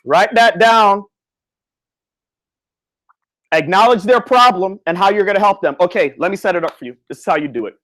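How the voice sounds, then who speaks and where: Man, physical therapist, live online lecture, slangy, lively swooping pitch. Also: normal speed, long pauses. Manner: animated, slangy, talks straight to the audience. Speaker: physical therapist coaching students.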